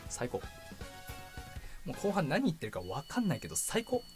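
A young man hosting his own racing game videos, joking and cheering through animated play-by-play commentary. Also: on the high side, moderate pace. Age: young adult. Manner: animated, jokey, bursts of cheering and impressions. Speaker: gaming channel host. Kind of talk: excited gameplay commentary. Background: background music.

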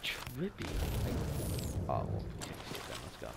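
A man's voice: extremely low pitch, huge pitch swings, a little slow, vocal fry. A young man playing along, giving blunt orders and swearing casually. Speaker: co-player. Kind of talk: casual gameplay chat. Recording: background hiss with game gunfire.

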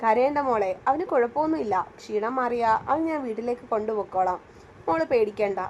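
A woman's voice: on the high side, animated, brisk, darkish tone, a little hiss or hum, natural voice. A woman narrator voicing a kind middle-aged mother who speaks in a comforting, motherly way.

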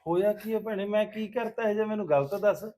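ਇੱਕ ਅਦਾਕਾਰ ਵਜੋਂ ਮਿੰਨਤਾਂ ਕਰਦਾ ਪੰਜਾਬੀ ਬੰਦਾ. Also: male voice, sits high, fast talker, mellow, close to an everyday voice. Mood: pleading. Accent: Punjabi. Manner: pleading, placating. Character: pleading middle-aged village man, defensive. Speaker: actor playing a family friend. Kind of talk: village web series drama.

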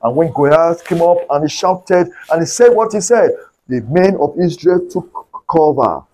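Husky pastor guy preaching, keeps repeating his points, kinda high voice. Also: expressive, normal speed, a little mellow, poor audio. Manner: repetitive, emphatic preaching. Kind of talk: sermon.

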